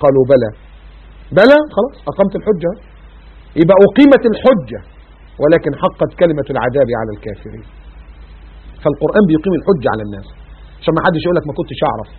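A man's voice: a little high, very animated, racing, long pauses, slightly rough. A man with an Egyptian accent preaching a sermon, firing rhetorical questions and chanting verses. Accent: Egyptian Arabic. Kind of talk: Islamic sermon with Quran recitation. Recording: tinny phone-like lo-fi audio.

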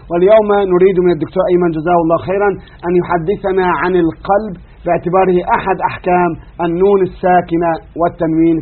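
A man's voice: high voice, husky. A man hosting a broadcast lesson, formally and courteously introducing the teacher. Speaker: program host. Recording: tinny band-limited broadcast audio.

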